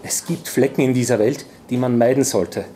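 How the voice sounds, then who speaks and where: A man's voice: mid-range voice, fairly even intonation, moderate pace, mellow, a little hiss or hum, lightly acted. A man reading aloud voices a middle-aged dragon-hunter father, tense and urgent.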